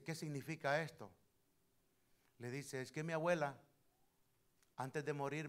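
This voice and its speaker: In a church sermon, a male pastor with a slightly high voice for a man tells stories and punches certain lines with sudden loud emphasis. He addresses the congregation directly, calling them brother.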